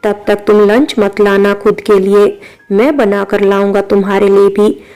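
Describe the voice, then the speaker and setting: A gentle young man who looks out for a friend voiced by a woman narrator in a storybook. He speaks softly and slowly. The voice is smooth and mellow. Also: medium pitch, flat delivery, faint music behind, natural voice. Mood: caring. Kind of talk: storybook reading.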